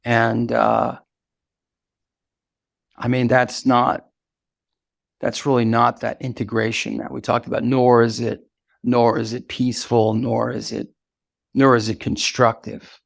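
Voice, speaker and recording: Gravelly older man, halting storyteller. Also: mid-range voice, flat delivery, no echo, studio quality. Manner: halting, full of restarts and fillers. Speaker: guest, activist mentor. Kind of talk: reflective storytelling in conversation.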